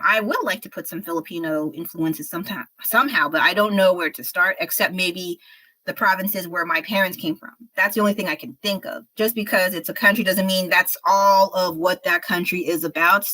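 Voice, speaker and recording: Bright-voiced chatty woman streamer. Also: lowish voice, rough recording. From United States. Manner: chatty, rambling, frank. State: slightly unwell. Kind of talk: casual livestream chat while painting.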